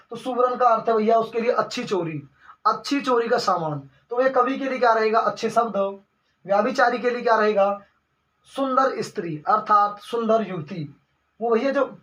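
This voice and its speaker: Young male exam-prep tutor, bright sharp tone, repeats his points and keeps calling listeners brother. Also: high voice. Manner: asks the class questions and answers them himself, repeating phrases; calls the listeners brother again and again. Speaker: teacher. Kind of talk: exam-prep Hindi grammar lesson. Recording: dull lo-fi recording.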